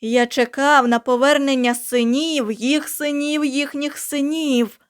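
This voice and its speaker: In an audiobook, a woman voices a male captain possessed by an ancient vengeful city. She speaks slowly and solemnly, her voice sitting high with fairly even intonation.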